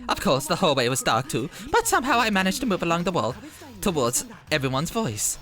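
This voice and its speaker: A man's voice: on the high side, wildly swooping pitch, fairly quick, fairly bright tone, faint music behind. A man reading the lines of a boastful young male chef under suspicion, stammering defensively. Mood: flustered.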